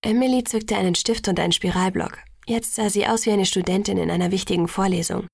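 A woman narrating an audiobook in a soft, even reading voice. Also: medium pitch, fast, creaky, no room sound, studio quality.

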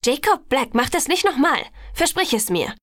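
A woman's voice: a little high, moderate pace, no room sound, clean studio sound. A woman reading an earnest teenage girl. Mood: insistent. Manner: earnest, insistent. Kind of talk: audiobook dialogue reading.

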